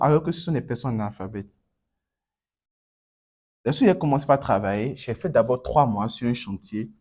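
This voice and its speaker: A man's voice: mid-range voice, darkish tone. A man coaching a class on Chinese pronunciation, drilling students and repeating words energetically.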